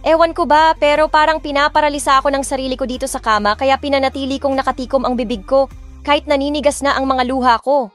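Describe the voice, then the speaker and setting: Background music runs beneath a woman's fast, high-sitting voice, steady in tone and fairly bright. With a Filipino accent, she narrates a first-person romance audiobook in Tagalog and English as the heroine, holding her emotion in check.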